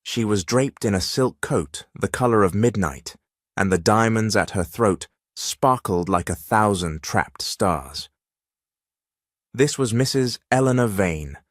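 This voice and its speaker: A man reading a dramatic story as narrator in a steady, measured way. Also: lowish voice, dry recording, studio quality.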